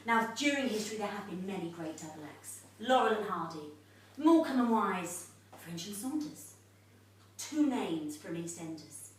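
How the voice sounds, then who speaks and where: A woman's voice: medium pitch, lively intonation, moderate pace, lightly acted. A woman playing a chatty, starstruck would-be actress who performs a live comic monologue in a living room for an audience. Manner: chatty, theatrical, laughs often. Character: starstruck would-be actress hosting her own evening. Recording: echoey room, mic far off.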